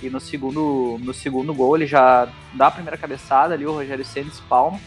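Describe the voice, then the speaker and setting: A man's voice: medium pitch, steady tone, fast. A man with a gaúcho accent in casual, colloquial sports chat, often ending phrases with tag questions. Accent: southern Brazilian, gaúcho. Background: music under the talk.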